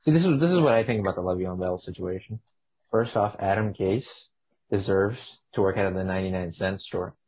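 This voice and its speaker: A man's voice: sits low, fairly quick, darkish tone, husky, lo-fi sound. A man co-hosting a sports podcast, giving his opinions on football in casual talk.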